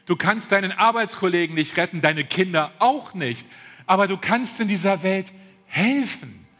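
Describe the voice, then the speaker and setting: In a church hall full of long reverb, a man delivers a sermon in a high, bright voice. He takes his time, drawing words out slowly and repeating key phrases with heavy emphasis.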